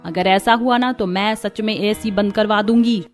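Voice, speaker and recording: A woman voicing a stingy, bossy middle-aged mother-in-law in a cartoon, sharp-tongued and scolding. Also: medium pitch, fairly even intonation, normal speed, faint music behind, lightly acted. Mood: stern. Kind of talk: cartoon voice acting.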